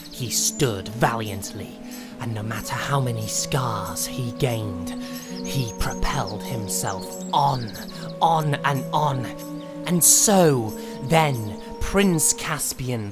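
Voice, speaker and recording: A man's voice: medium pitch, close to an everyday voice. A man playing a proud young prince and devoted son in a fan audio drama, with an earnest, grandiose delivery.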